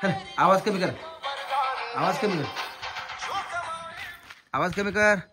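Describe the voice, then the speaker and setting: A man's voice: high-pitched, slow, loud music behind the voice. A man vlogging at his village home outdoors, coaxing and scolding the children and calling out to them. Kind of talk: casual family vlog.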